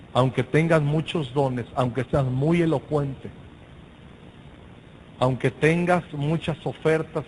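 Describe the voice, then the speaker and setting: A man with a Mexican accent preaching a sermon, telling a personal story with lively shouted exclamations and casual slang. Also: on the high side, slight background noise, low-quality recording. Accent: Mexican Spanish.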